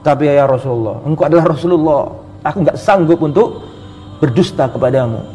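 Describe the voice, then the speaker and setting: A man's voice: fairly high pitch, fairly quick, warm tone, slightly rough, highs cut off, soft background music, pitched below the performer's own voice. A man voicing an earnest, repentant male companion who pleads solemnly and sincerely.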